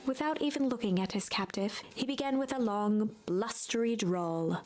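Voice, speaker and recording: A woman's voice: mid-range voice, darkish tone, faint music behind, natural voice. A woman as a storybook game narrator. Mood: measured. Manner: measured, storybook telling.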